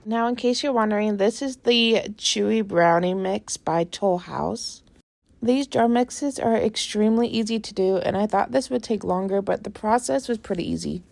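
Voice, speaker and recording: A woman's voice: mid-range voice, creaky, darkish tone. A young American woman with a congested voice, chatting casually in her home kitchen as a vlogger, talking to herself while she works. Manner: chatty, self-deprecating, talks to herself while working. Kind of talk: casual chat vlog.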